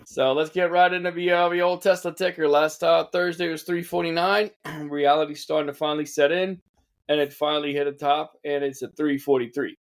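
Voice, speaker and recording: A man's voice: on the high side, level tone, brisk. A man co-hosting a casual satirical news podcast, sarcastic and laughing often. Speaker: podcast co-host.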